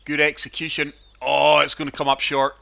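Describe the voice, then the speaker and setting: A man's voice: on the high side, monotone, normal speed, vocal fry, bright, forceful tone. A man sounding chesty and wheezy from a cold, giving casual commentary on a golf video game as the channel's host. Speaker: gaming channel host and player.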